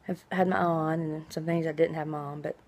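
A middle-aged woman chatting casually in a personal video diary, rambling conversationally, with drawn-out, hissing s sounds. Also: low-pitched, fairly even intonation, darkish tone. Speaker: vlogger. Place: small indoor room at home.

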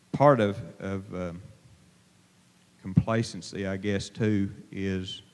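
Holding a microphone right to his mouth, a middle-aged lay preacher delivers an informal sermon from a church pulpit. His voice is on the low side and a little mellow, and his plain-spoken delivery halts often, full of fillers and restarts. The church hall lends it a long reverb.

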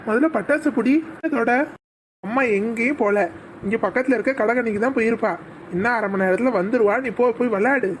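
A gentle, worried young father, voiced by a woman, coaxes and reassures in a cartoon. The voice sits fairly high and moves quickly. A faint hiss runs underneath. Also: natural voice. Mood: coaxing. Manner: coaxing, reassuring, pleading.

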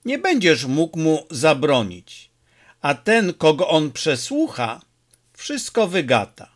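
A man's voice: fairly high pitch, wildly swooping pitch, takes it slowly, full character voice. A man doing a sly scheming henchman. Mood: warning. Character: sly, sullen male party henchman.

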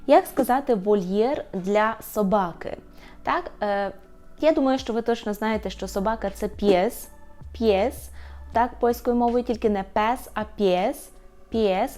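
A woman teaching an online language lesson, patiently saying each word slowly and repeating it for practice. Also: fairly high pitch, a little mellow.

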